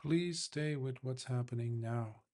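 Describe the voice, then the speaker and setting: A Buddhist monk guides a meditation, his medium-pitched male voice carrying a darkish tone. He takes his time, speaking in short, measured phrases broken up by long pauses.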